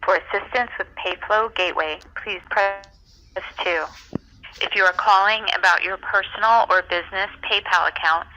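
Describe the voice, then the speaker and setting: A woman's recorded phone menu message, played back over a call, reading out formal options in a measured, scripted way. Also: medium pitch, bright, forceful tone, highs cut off, slight background noise.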